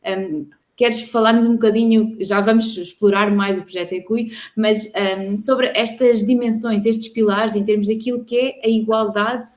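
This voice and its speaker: A woman hosting an interview, asking leading questions in a measured, hesitant way. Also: mid-range voice, steady tone, a little mellow, reverberant. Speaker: interview host. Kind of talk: interview conversation.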